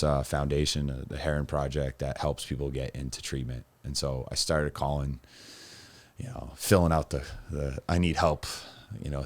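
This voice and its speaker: A young adult man, a podcast guest, telling his personal story in a rambling, halting way with many restarts. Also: very deep voice, a little mellow, dry recording.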